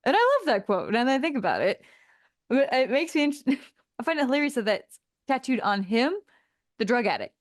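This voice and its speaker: A woman's voice: high-pitched, big pitch swings, brisk, no echo, clean studio sound. A woman co-hosting a podcast in casual chat, laughing often as she talks. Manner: giggly, laughs often while talking. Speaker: podcast co-host.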